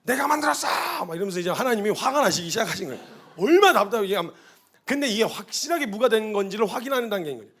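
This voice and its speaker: High-voiced man preaching a lively sermon. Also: racing. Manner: animated storytelling, acting out quoted dialogue. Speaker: missionary preacher. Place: church hall before a seated congregation.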